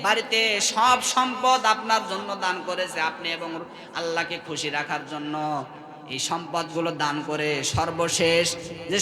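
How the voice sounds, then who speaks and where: High, bright-voiced Bengali preacher in echoing hall. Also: male voice. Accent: Bangladeshi Bengali. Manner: storytelling with sung, chanted rises and sudden hushed drops; asks the crowd to respond. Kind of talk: Bengali waz sermon. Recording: echoey open-air hall with long reverb.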